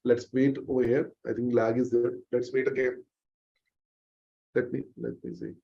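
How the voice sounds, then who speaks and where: A man's voice: medium pitch, little pitch movement, moderate pace, vocal fry, muffled recording. A man with an Indian accent teaching a medical revision class, emphatically repeating key facts. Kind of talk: exam revision lecture.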